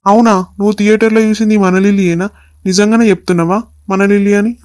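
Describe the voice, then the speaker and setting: A woman's voice: mid-range voice, steady tone, fast talker, darkish tone, no room sound, studio quality, natural voice. A woman doing a doting cartoon husband. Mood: coaxing. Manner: coaxing, calls his wife endearments. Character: young husband, doting, quick-tempered.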